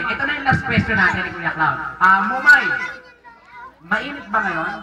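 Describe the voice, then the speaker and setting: A man's voice: high voice, very noisy. A man working as a clown at a children's birthday party, teasing and joking with a child and laughing often. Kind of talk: hosting a children's party game. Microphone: handheld mic, recorded by a distant camera. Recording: roomy sound from far off.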